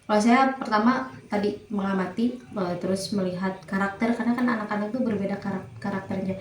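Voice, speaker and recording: A woman's voice: medium pitch, fairly quick. A woman teacher answering interview questions, explaining earnestly with examples and frequent hesitations. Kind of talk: casual interview conversation. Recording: echoey room with faint noise.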